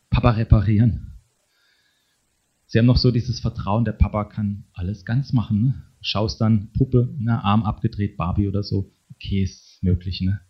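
This dull lo-fi sermon recording features a middle-aged man with a fairly low, husky voice. He preaches conversationally, speaking directly to the congregation and often closing sentences with a questioning "ne?".

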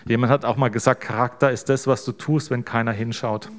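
A man's voice: mid-range voice, fairly even intonation, a little fast. A man preaching an informal sermon as pastor, in a loose, conversational way that keeps checking in with the listeners. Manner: casual, tags sentences with "ne?".

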